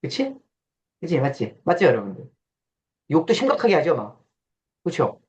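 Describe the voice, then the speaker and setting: A man lectures a small room in a loose, joking way, with a lively voice that swings up and down. He is slightly high-pitched and blunt, and he teases his listeners with questions. The recording sounds dull and lo-fi. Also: moderate pace. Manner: blunt and teasing, questions the audience; acts out quoted voices with coarse banter. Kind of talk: casual classroom lecture.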